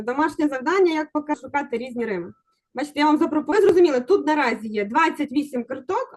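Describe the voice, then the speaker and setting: High-voiced woman teaching an online class. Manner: encouraging, coaxing students to answer. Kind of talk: online exam-prep lesson.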